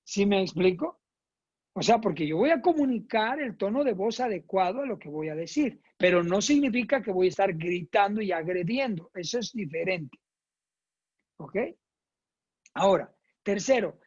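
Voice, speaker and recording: A woman's voice: medium pitch, darkish tone, slightly rough. A woman teaching a psychoeducational class, speaking emphatically, repeating phrases in lists and checking in with her listeners. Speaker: course instructor. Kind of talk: psychoeducational lecture. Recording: dull lo-fi recording.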